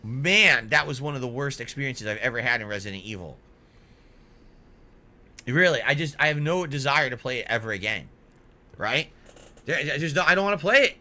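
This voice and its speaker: A man giving excitable, exasperated, sweary running commentary as he plays a video game. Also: medium pitch, normal speed, long pauses. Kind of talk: gameplay commentary. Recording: music behind the voice. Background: music.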